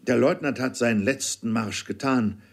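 A man reading the part of a loyal army corporal servant who speaks respectfully and pleads in a raised, higher voice. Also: normal speed, gravelly. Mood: earnest.

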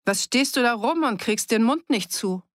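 A woman's voice: on the low side, lively intonation, moderate pace, no echo, studio quality, close to an everyday voice. A woman voicing an older male village teacher who speaks in a mocking, challenging way.

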